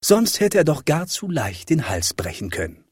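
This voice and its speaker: A man reading a children's fairy tale aloud with expressive, dramatic delivery. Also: fairly high pitch, normal speed, slightly rough, no echo, clean studio sound. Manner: lively, dramatic rises and falls. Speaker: storyteller.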